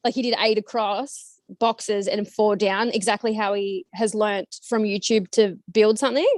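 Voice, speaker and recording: A woman's voice: mid-range voice, fairly even intonation, moderate pace, darkish tone, no echo. Rambling woman guest, dry sound. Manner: rambling, lots of "like" and "you know". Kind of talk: casual chat.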